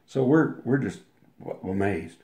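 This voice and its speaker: A medium-pitched, mellow voice comes through animated yet measured in pace. The older man is an interview guest spinning a long, rambling personal story with restarts and acted-out quotes, recorded with roomy echo.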